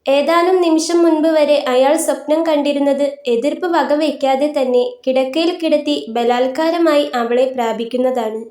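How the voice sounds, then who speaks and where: A woman narrating a literary novel in a calm, even reading voice, lightly voicing the characters' lines. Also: high-pitched, moderate pace, few pauses. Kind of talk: scripted narration of a literary story. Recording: roomy echoey room.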